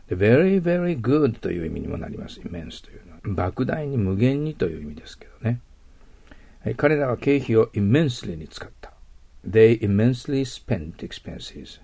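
A middle-aged man teaching English vocabulary in Japanese, explaining each word slowly and carefully, with Japanese-accented English and phrases that fade to a near-whisper. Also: low voice, warm tone, husky, no echo. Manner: slow, careful word-by-word explanations with frequent "hai" and "ne". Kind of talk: recorded vocabulary lesson.

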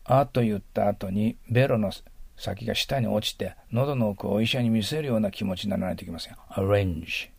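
A man's voice: fairly low pitch, fairly quick, creaky, breathy edge, dry recording. A middle-aged man teaching an English vocabulary lesson, patient and drilling pronunciation with frequent tag questions.

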